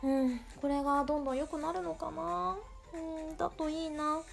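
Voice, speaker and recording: A woman's voice: sits high, flat delivery, moderate pace, creaky, soft background music. A woman podcast host with a cute, girlish anime-style voice, talking casually and rambling in a playful, self-deprecating way. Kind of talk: casual solo podcast talk.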